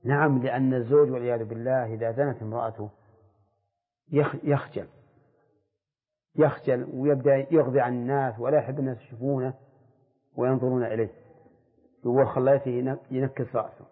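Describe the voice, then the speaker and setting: An older man, a sheikh teaching a jurisprudence class, who explains slowly and keeps putting questions to his students. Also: mid-range voice, steady tone, slightly rough. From Saudi Arabia. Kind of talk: classroom lecture on fiqh. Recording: tinny, echoey old lecture tape.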